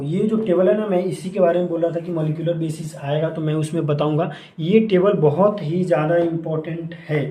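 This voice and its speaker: A young adult man with a fairly high-pitched, dark-toned voice gives a casual exam-prep lesson in Hindi, sprinkling in English terms. His instructions are relaxed and repetitive, and the room sounds echoey.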